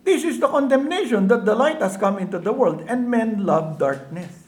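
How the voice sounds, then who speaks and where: Male pastor, Filipino accent, high voice, conversational sermon, rhetorical questions, roomy church echo. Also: expressive, moderate pace. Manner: switches between Tagalog and English, conversational preaching with rhetorical questions.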